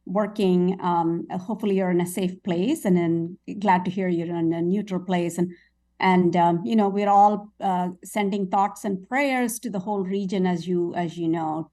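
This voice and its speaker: A woman's voice: fairly low pitch, dark tone, distant mic. A woman hosting an interview show, effusive and chatty, with frequent fillers. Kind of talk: interview conversation.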